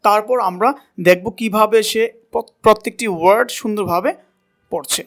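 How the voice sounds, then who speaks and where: A man's voice: sits high, a little fast, fairly bright tone. A man teaching a spoken English class, asking a student to repeat words and correcting how they are said. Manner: coaching pronunciation, asks and repeats words.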